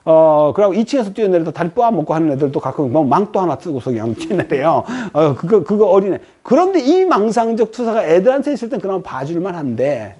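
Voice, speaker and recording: A middle-aged man giving a professor's lecture to a class, animated, asking the room questions and acting out little quoted voices. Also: high voice, fast, few pauses, husky.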